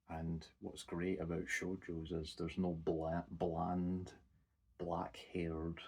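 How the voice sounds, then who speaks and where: A young man talks his way through an anime review, loose and unscripted, often cursing and circling back on his words. His voice sits very low and carries a gravelly, husky grain. He keeps an even, flat tone throughout. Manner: rambling, informal, swears casually. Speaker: anime vlogger. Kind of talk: casual unscripted review monologue.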